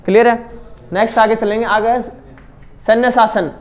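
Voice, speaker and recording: A man's voice: sits high, steady tone, normal speed. A young man teaching a school class, explaining terms step by step and asking his students questions. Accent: Hindi-English mix. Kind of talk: classroom lecture.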